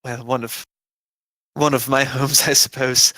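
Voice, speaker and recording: A man voicing an earnest young woman about to become queen, speaking formally and gently with soft laughs. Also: medium pitch, little pitch movement, measured pace, no echo, low-quality recording. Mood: humble. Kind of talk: in-character role-play.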